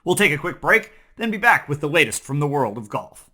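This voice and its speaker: This comedy news host has a slightly high voice with big swings in pitch and a sharp edge, and he moves briskly. He reads parody headlines from a script, putting on a mock-serious newscaster act.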